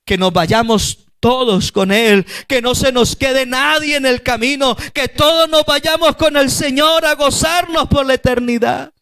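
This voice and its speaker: A male pastor with a Colombian Spanish accent preaching a passionate sermon, rising to shouts and acting out the voices of parents and children. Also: extremely high pitch, a little slow, hardly any pauses, clean tone, no room sound.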